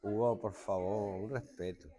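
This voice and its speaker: A middle-aged man from Málaga with an Andalusian accent, teaching a joking classroom lesson and hushing his students. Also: lowish voice, fairly even intonation, unhurried. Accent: Andalusian Spanish. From Málaga, Spain. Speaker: secondary school teacher.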